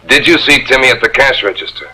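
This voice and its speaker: An actor playing a tough, hot-tempered police lieutenant, speaking in a blunt, hard-edged way, heard through the sound of a 1950s TV broadcast with a music bed. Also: male voice, medium pitch, animated, quick pace, pushed and bright, slightly rough, heavily acted, poor audio. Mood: stern.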